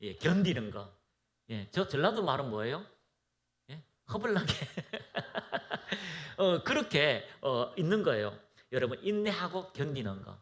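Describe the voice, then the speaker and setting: A man's voice: fairly high pitch, big pitch swings, normal speed. A man preaching a fervent sermon as pastor of a church, exhorting and leading the congregation to recite aloud.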